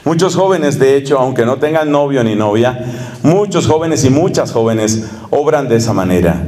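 A man's voice: medium pitch, lively intonation, moderate pace, mellow. A man with a Colombian Spanish accent preaching a sermon, emphatic and ironic, full of rhetorical questions.

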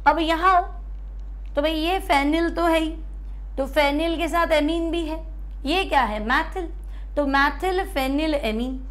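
High-voiced woman teaching chemistry. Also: fairly bright tone. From India. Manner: explains step by step, repeats terms slowly, asks and answers herself. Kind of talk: classroom lesson on the board.

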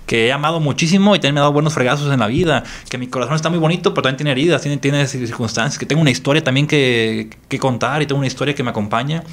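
A man with a Mexican Spanish accent, a priest appearing as a podcast guest, speaks at medium pitch in a slightly bright voice, racing along with few pauses. In this reflective interview he sounds earnest and repeats phrases for emphasis.

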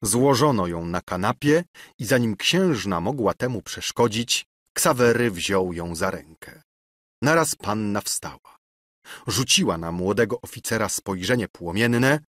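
A man narrating a classic novel in an expressive, dramatic reading. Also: fairly low pitch, measured pace, no room sound, studio quality. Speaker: audiobook narrator.

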